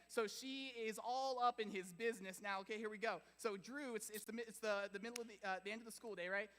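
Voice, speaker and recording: High bright-voiced guy preaching to middle schoolers, lots of likes and rights, echoey hall. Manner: animated, chatty, full of fillers and audience questions. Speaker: youth pastor. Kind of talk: youth group sermon storytelling.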